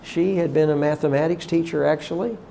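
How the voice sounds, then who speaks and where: Gravelly older man, heartfelt and halting. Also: a little high, steady tone, warm tone, slight background noise. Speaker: college teacher and guide. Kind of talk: emotional spoken reminiscence.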